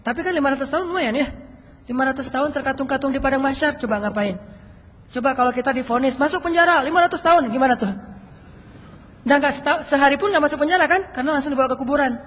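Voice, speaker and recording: A man preaching a casual youth sermon, telling stories in a playful, animated way with quoted dialogue and chuckles. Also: very high-pitched, fast talker. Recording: echoey hall with faint noise.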